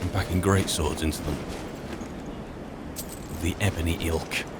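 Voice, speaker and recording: Low, steady and unhurried, this man's voice delivers in-character game commentary as a cautious adventuring wizard who mutters to himself in short phrases. The recording has clear background noise from the game's ambience.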